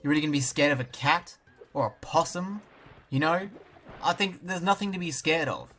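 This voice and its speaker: Young Australian man, bright dry gamer. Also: on the high side, normal speed. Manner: dry, self-mocking jokes. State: talking with a mouth full of banana at times. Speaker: gaming YouTuber. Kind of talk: casual let's-play commentary.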